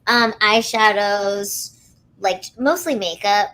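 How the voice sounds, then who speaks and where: Casting: woman, bright forward tone with a swallowed, little-person quality, casual animated storyteller. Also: mid-range voice, takes it slowly, poor audio. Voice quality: swallowed, small-sounding voice. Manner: animated storytelling, quoting herself and others. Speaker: talk show guest. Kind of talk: casual chat.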